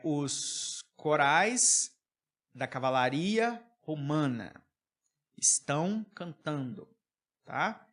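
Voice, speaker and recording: A man's voice: a little high, a bit bright. A man with a Brazilian accent teaching English through song lyrics, explaining words step by step and checking in with short questions. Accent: Brazilian Portuguese. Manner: patient, checks in often with tag questions.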